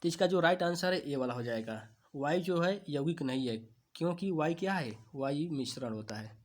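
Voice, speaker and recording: A man with a somewhat high voice runs through exam questions like a coaching teacher. He asks each answer back as a question, then repeats it, drawing key terms out slowly. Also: animated. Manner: slow, drawn-out stresses on key terms. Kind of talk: quiz-answer lesson.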